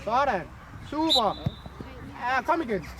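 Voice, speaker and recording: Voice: mid-range voice, sing-song, crowd noise. A youth football coach on the sideline during a match, calling out players' names to urge them on and praise them. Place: outdoor football pitch. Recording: outdoor field with clear noise.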